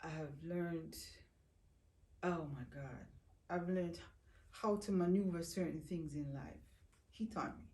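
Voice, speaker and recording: A woman guest slowly and reflectively telling her life story in an interview, often speaking of her faith. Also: lowish voice, darkish tone, far from the mic. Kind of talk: personal testimony interview. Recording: roomy echo, voice off-mic.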